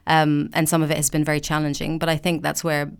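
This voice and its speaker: A woman in her forties with a low, smooth and resonant voice answers interview questions. She speaks in a measured, articulate way and hedges often. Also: completely flat delivery. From Palestine. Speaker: museum director, guest.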